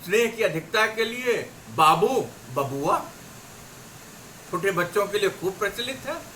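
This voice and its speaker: A man giving an academic lecture on linguistics, slowly reading out word pairs as examples. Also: high-pitched, big pitch swings, sharp tone, a little hiss or hum, low-quality recording. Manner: slow, deliberate, reads out word pairs as examples.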